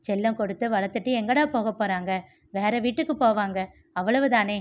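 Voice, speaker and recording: A woman reading the part of a gentle, reflective young man in a storybook, talking softly and confidingly. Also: mid-range voice, a little fast, natural voice. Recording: muffled lo-fi recording.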